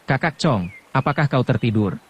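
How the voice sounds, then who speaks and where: A man voicing a shy, gentle young woman speaking softly to her sweetheart in an audiobook. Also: medium pitch, expressive, moderate pace, breathy edge. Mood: tender. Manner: soft, gentle questions. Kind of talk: audiobook narration.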